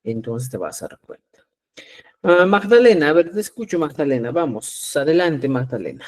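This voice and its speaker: Male teacher from Peru, patient and repetitive, slightly higher voice, live online class. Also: big pitch swings, moderate pace. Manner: patient, repeats "¿ya?" to check understanding. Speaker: Quechua teacher.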